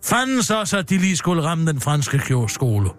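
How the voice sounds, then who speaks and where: A man's voice: on the low side, fairly even intonation, darkish tone, faint music behind, voice pushed down, lightly acted. A man voicing a shy, naive thirteen-year-old boy who answers eagerly. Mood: alarmed.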